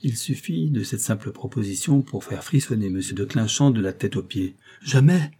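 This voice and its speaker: A man narrating a novel in a measured, even reading style. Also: fairly low pitch, husky. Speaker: audiobook narrator. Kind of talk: scripted narration.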